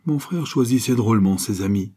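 A man's voice: fairly low pitch, animated, brisk, warm tone, breathy edge. A man reading an audiobook voices a bitter, sickly young man who answers curtly and resentfully. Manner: curt, resentful.

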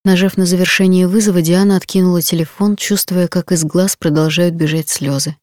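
A woman reading a novel aloud in an even, intimate storytelling manner. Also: lowish voice, fairly quick, no room sound, studio quality. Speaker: audiobook narrator. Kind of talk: scripted audiobook narration.

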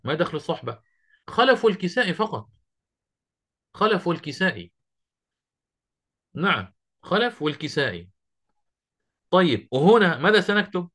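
Male teacher, middle-aged, bright higher voice, classroom quizzing style, slows down to quote verse. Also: big pitch swings. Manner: questioning students, drawn-out quoting of verse. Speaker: Quran recitation teacher. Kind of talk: classroom lesson.

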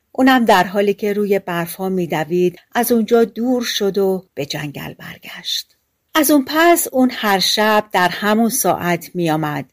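A woman narrating a fairy tale audiobook in gentle, colloquial storytelling. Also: mid-range voice.

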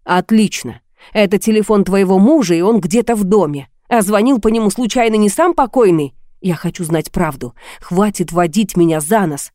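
A woman's voice: medium pitch, normal speed, mellow, dry recording, clean studio sound, lightly acted. A woman reading an audiobook, voicing an angry, jealous young man who speaks harshly and accusingly.

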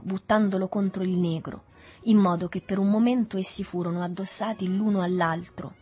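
A woman reading a novel aloud in a measured, even storytelling manner. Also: fairly low pitch, husky. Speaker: audiobook reader. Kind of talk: literary audiobook narration.

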